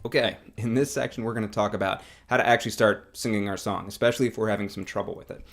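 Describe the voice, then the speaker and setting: Gravelly-voiced man teaching guitar singing. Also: on the low side, fast. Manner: relaxed explaining, demonstrating on guitar, hums along with notes. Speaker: music teacher. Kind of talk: casual guitar and singing lesson. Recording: guitar playing under the voice.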